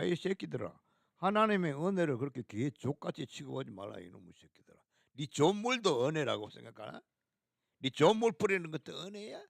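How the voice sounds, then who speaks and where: A man's voice: fairly high pitch, creaky, fairly bright tone, dry recording, clean studio sound. A man preaching a fiery sermon, scolding harshly and hurling coarse insults. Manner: sings a hymn slowly.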